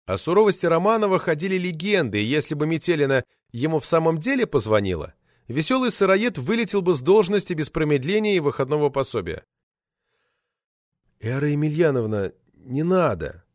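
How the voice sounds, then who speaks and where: A man narrating a satirical novel in the first person, reading with lively, ironic expression. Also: fairly high pitch, fast talker, no echo, studio quality. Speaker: audiobook narrator.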